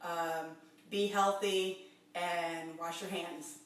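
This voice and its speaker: A woman's voice: lowish voice, fairly even intonation, drawn-out words, roomy sound, far from the mic. A woman chef hosting a casual live cooking demo, chatty and upbeat with many fillers. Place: kitchen.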